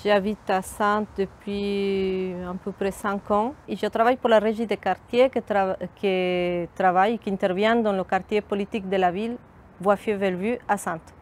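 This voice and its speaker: A middle-aged woman from Mexico, whose first language is Spanish, speaking French with a Mexican Spanish accent. She is a community outreach worker giving a thoughtful interview, pausing and restarting her phrases as she searches for words. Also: medium pitch, steady tone. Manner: thoughtful, hesitant, frequent restarts. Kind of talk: documentary interview testimony.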